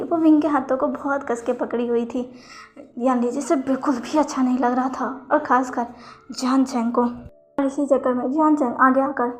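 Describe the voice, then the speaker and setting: A woman telling a fan fiction story in brisk, chatty casual narration. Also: high-pitched.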